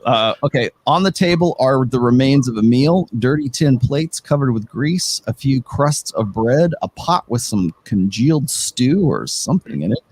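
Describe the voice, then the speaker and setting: A man's voice: mid-range voice, animated, moderate pace, few pauses, darkish tone, slightly rough. A man running a tabletop role-playing game, narrating casually in a wry, teasing way. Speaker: game master.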